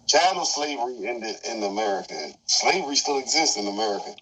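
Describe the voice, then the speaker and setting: A man's voice: mid-range voice, expressive, a little fast, a bit bright, slightly rough, rough recording. A man in a casual roundtable chat, talking bluntly and profanely with emphasis.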